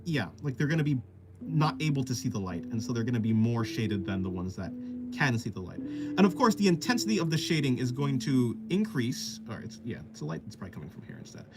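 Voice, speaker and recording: A man streams himself drawing, chatting casually and explaining art in rambling talk that often restarts mid-thought. His medium-pitched voice is sing-song and fairly quick, against a noisy background.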